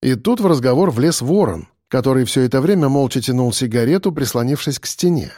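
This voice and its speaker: A man narrating an audiobook in the first person, calm and wry, on a close studio mic. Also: medium pitch, fairly quick, no room sound.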